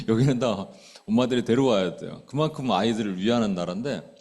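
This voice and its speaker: A middle-aged man preaching in a conversational way, his pitch rising and falling widely as he questions the congregation. He acts out quoted speech with abrupt loud outbursts, then drops back to a low aside. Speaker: pastor. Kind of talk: sermon. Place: church sanctuary.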